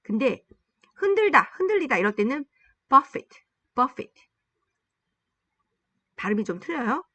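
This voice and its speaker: A woman leads an English lesson built around the Bible, explaining in Korean and reading English lines slowly and carefully, repeating phrases so learners can follow. Her voice is high and sing-song with a fairly bright tone. The lo-fi recording has no echo.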